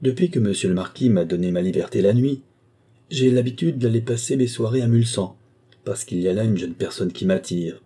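A man's voice: lowish voice, brisk, dark tone, slightly rough. A man voicing a sly, deferential valet who talks ceremoniously and at length in an audiobook. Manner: long-winded, ceremonious. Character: adult male valet, sly, wordy, deferential.

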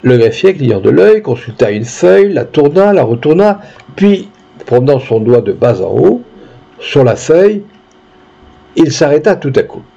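A man reading a story aloud as scripted narration, expressive and measured. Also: a little high, creaky, breathy edge, dull audio. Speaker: audiobook reader.

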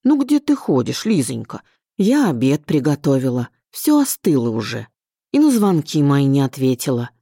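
A woman reading an audiobook, voicing a kindly elderly aunt who speaks softly and fondly. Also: a bass voice, very animated, moderate pace, husky, no room sound, clean studio sound, heavily acted. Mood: fussing. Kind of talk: audiobook character voice.

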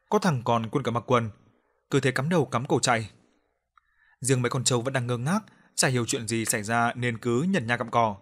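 A man's voice: mid-range voice, fairly bright tone. Man narrating a ghost story.

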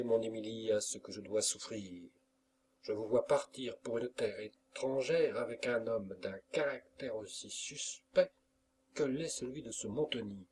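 A man's voice: on the low side, darkish tone, slight background noise, lightly acted. A man voicing an anguished young lover who pleads earnestly, in an audiobook.

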